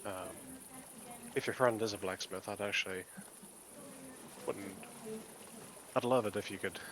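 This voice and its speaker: A man playing a tabletop game in character, quiet and measured. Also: fairly low pitch, fairly even intonation, background noise. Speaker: player.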